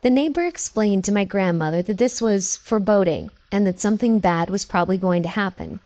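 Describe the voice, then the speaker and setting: A woman narrating scary stories from a script, with steady, measured storytelling. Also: medium pitch, no echo, poor audio.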